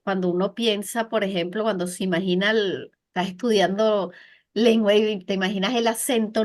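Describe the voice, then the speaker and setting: A woman interview guest and project director who talks thoughtfully, often repeating words while she searches for them. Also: mid-range voice. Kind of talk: interview conversation.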